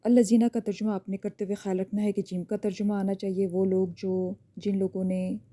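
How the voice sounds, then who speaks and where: A female teacher delivers a recorded lesson in a very dark, mellow voice of medium pitch and flat delivery. She goes through each point step by step, often checking in with a quick "ठीक है" before moving on.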